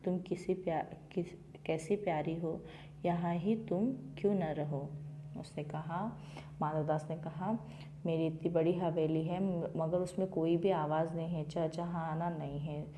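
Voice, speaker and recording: A woman's voice: low voice, fairly even intonation, measured pace, warm tone, slight background noise. A woman teacher reading a story aloud to schoolchildren, then repeating and explaining each line in simple words. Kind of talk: reading a Hindi textbook lesson aloud and explaining it to children.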